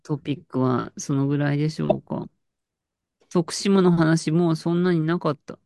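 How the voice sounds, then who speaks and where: A woman's voice: low voice, normal speed, dark tone, no room sound, clean studio sound. Chatty woman telling a story. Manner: storytelling with frequent fillers and laughs. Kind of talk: casual chat.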